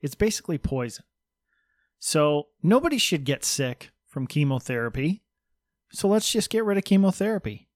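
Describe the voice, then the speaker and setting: A man's voice: fairly high pitch, big pitch swings, normal speed, no room sound, studio quality. A man co-hosting a podcast in casual, joking talk, explaining things with mock-serious sarcasm. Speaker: podcast co-host.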